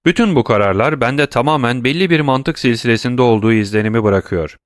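A man's voice: mid-range voice, brisk, no room sound, studio quality, close to an everyday voice. A man voicing a formal, bewildered notary in an audiobook, asking careful questions. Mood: questioning. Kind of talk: audiobook reading.

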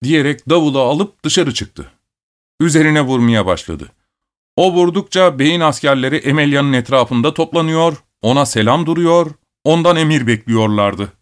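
A man narrating a folk tale in a steady, measured reading voice. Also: on the high side.

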